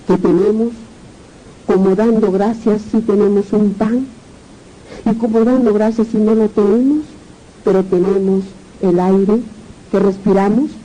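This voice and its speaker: A woman's voice: medium pitch, mellow, poor audio. A woman pastor with a Peruvian Spanish accent, preaching a sermon, reading verses aloud and asking the congregation questions.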